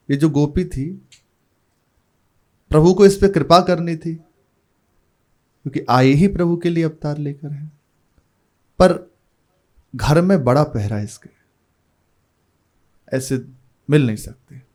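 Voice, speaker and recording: A man from India, a spiritual teacher telling devotional stories in an unhurried discourse, his phrases often trailing off softly. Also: a little high. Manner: slow, unhurried storytelling with soft trailing phrases.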